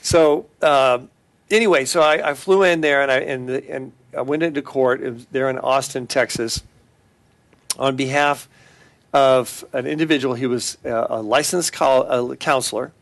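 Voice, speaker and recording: A middle-aged man with a Californian accent speaks at a moderate pace in a mid-range voice. He is an attorney appearing on a talk show, earnestly making announcements, repeating a web address, and relating a case story with frequent restarts.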